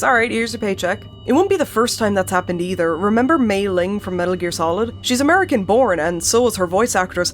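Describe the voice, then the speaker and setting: A woman hosting a game video essay in a chatty, casual way, swearing and laughing often. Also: mid-range voice.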